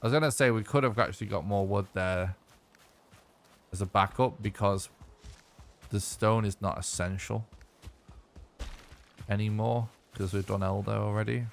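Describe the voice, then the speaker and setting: Man, casual gameplay commentary, thinking aloud, low voice. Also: normal speed, gravelly, pauses often, a little hiss or hum. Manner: thinking aloud, relaxed, muttering. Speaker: streamer.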